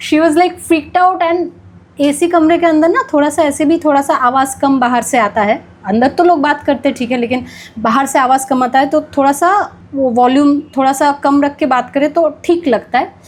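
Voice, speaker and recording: A young woman telling a personal story in a casual monologue, animated and self-deprecating, slipping English phrases into her talk. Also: high voice, moderate pace. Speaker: devotional vlogger.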